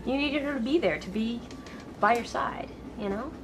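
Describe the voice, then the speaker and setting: A woman's voice: fairly high pitch, normal speed, close to an everyday voice. An actress playing a preachy, blunt woman in a conversational comedy drama, earnest and casual. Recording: noisy ambient background.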